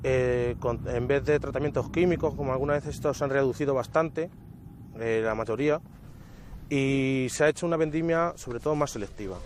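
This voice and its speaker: A man explaining vineyard changes slowly and hesitantly in an interview. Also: mid-range voice. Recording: outdoor noise, traffic behind.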